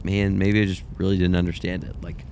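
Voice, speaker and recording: Deep, level and brisk, this young man's voice carries a slight mellowness over a faint hiss or hum. Co-hosting a laid-back movie podcast, he wanders and qualifies his opinions with self-deprecating asides.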